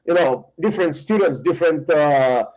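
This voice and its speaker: A middle-aged man with a Bulgarian accent, a guest in a casual podcast interview, speaking haltingly with many fillers and restarts. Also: fairly high pitch, expressive, darkish tone, rough recording. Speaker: guest, firearms instructor.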